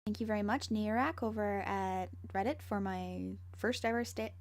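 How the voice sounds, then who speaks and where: A woman narrating scary stories in a conversational, slightly halting way, as an amateur. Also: mid-range voice, a little mellow. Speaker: amateur horror story narrator. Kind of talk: first-person scary story narration and channel outro. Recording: home recording with faint background noise.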